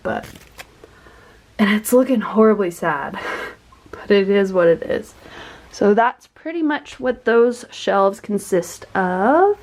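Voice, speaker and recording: A woman vlogger talks casually through her plant collection. Her voice sits a bit high and she takes her time, with a self-deprecating, laughing manner. She sounds slightly out of breath. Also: a little mellow. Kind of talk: casual houseplant tour.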